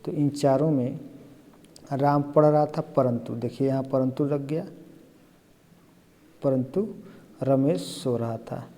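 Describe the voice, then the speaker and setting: A man's voice: mid-range voice, fairly even intonation, measured pace, dark tone, long reverb tail. A man teaching Hindi grammar for an exam, explaining each answer step by step and often asking "है ना?" to check along. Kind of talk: exam-prep lesson.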